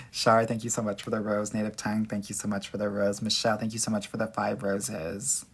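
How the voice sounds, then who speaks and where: Hosting a livestream as a dating coach, a man with a Valley Girl accent from Southern California gives casual advice, sassy and girlfriend-to-girlfriend, sprinkled with "honey" and "girl." His fairly low voice has a breathy edge, little pitch movement, and a slightly fast pace.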